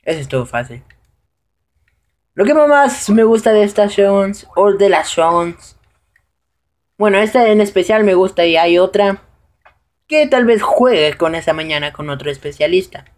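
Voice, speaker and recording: A man giving casual live commentary over his own gameplay, excitable and prone to high shouts when things go wrong. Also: unhurried, long pauses.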